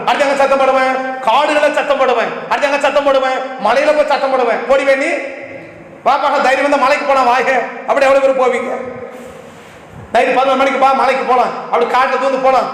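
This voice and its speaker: A man's voice: extremely high pitch, a bit bright. A man preaching a sermon to a congregation, firing off rhetorical questions one after another. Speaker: pastor. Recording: echoey hall reverb.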